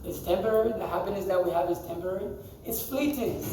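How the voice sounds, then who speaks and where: A man with a high-pitched voice talks at a quick pace, with background noise audible, as he teaches a scripture class to a group in a temple hall. He's conversational, quizzes his listeners and laughs often. The echoey hall is recorded with the mic far away.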